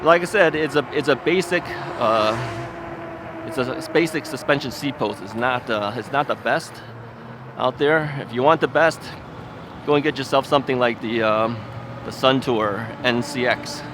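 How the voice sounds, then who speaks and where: This ebike video host, an American man, vlogs casually while out riding on a city street, rambling in a folksy manner with frequent chuckles and many fillers. He talks at a normal speed in a mid-range voice, and traffic and street noise fill the outdoor recording.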